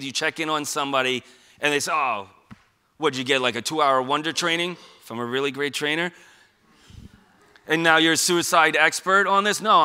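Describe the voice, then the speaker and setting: This is a middle-aged man with a Queens, New York accent giving a casual public talk on preventing suicide. His fairly high voice sounds smooth, bright and forceful. He speaks conversationally and with emphasis, peppering his points with rhetorical questions.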